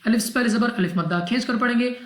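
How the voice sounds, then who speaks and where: A woman's voice: fairly high pitch, fast talker. A woman from Pakistan teaching Quran recitation rules, methodically repeating each rule step by step. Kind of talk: tajweed lesson explanation. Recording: roomy echo.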